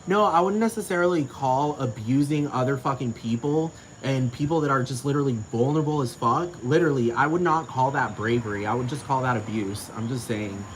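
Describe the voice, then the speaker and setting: A man's voice: mid-range voice, brisk, few pauses, a little hiss or hum, low-quality recording. A man ranting to camera in a casual, profane, heated way, repeating himself.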